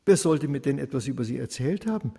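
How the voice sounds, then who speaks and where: A man voicing a friendly, gaunt older pastor who speaks calmly and patiently, with a slightly husky voice and long hall echo. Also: medium pitch, fast.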